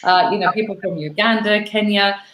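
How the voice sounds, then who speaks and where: A woman's voice: mid-range voice, fairly quick, fairly bright tone, roomy sound, a little hiss or hum. A woman hosting a live online interview chat from home on a video call, chatty and full of fillers. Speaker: talk show host.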